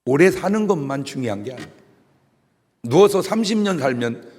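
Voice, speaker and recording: A middle-aged man pastor giving a humorous sermon, telling stories and acting out shouted voices. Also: a little high, moderate pace, slightly rough. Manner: animated storytelling with jokes and shouted imitations. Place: church sanctuary. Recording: long reverb of a church hall.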